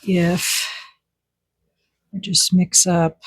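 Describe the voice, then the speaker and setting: A woman's voice: on the low side, level tone, drawn-out words, slightly rough, dry recording. A woman vlogger narrating casually as she works on a resin craft project, chatty and repeating words for emphasis.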